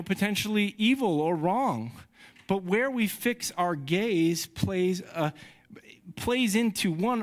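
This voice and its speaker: A male pastor in his thirties preaches in an unhurried, measured way from a church stage. His voice sits a little high for a man, and he keeps the sermon conversational, growing animated when he tells stories. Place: church sanctuary. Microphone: handheld or headset mic.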